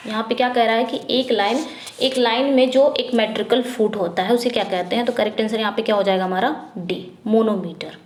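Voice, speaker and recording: Brisk Indian woman teaching exam English. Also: fairly high pitch, roomy sound. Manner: reads English questions slowly, explains quickly in Hindi; repetitive drilling, asks then answers herself. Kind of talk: Hindi-English exam prep lesson.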